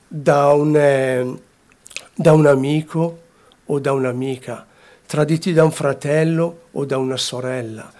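Slow-spoken preacher man. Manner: swings from hushed low phrases to raised emphatic ones; slow deliberate preaching, repeats phrases. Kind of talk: sermon.

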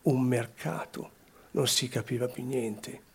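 A man preaching a sermon, slowly and deliberately, repeating phrases and swinging between hushed and raised delivery. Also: mid-range voice, steady tone, a little hiss or hum.

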